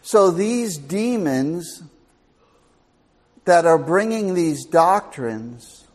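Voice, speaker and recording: Older male preacher, slow and unhurried, folksy storyteller who drives home his points. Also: fairly high pitch, lively intonation. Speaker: Bible teacher. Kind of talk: Bible teaching sermon.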